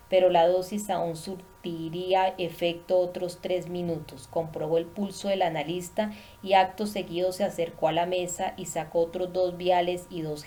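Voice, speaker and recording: A woman narrates a thriller in a dramatic audiobook reading. Her voice sits low and mellow. She murmurs, pressing insistently through repeated words.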